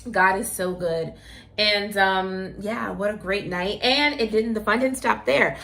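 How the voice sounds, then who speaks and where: A woman's voice: medium pitch, unhurried, vocal fry, fairly bright tone. A woman co-hosting a casual chat show, talking in a chatty, effusive way and calling her viewers "y'all". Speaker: co-host.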